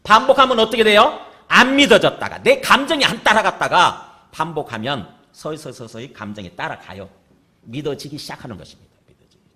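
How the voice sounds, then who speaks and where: A man's voice: a little high, lively intonation, brisk, pushed and bright. A male pastor preaching a sermon in a conversational way, often asking the congregation rhetorical questions. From South Korea.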